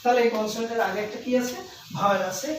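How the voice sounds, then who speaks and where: A man's voice: very high-pitched, steady tone, far from the mic. Echoey Bengali-accented male tutor from afar. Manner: explains slowly, repeats words, stretches English terms aloud. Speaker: English tutor. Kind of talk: classroom grammar lecture. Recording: echoey room, voice from afar, faint noise.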